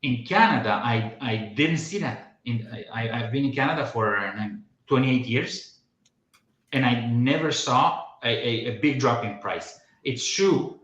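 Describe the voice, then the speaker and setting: A middle-aged man from Romania, not a native English speaker, chatting casually on a podcast about housing, halting often and repeating words as he restarts. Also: mid-range voice, animated, fairly bright tone, dull audio. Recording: roomy echo.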